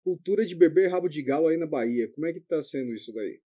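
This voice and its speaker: A man's voice: on the high side, expressive, fast, warm tone. A man hosting a podcast, asking questions eagerly and playfully. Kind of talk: casual interviewing.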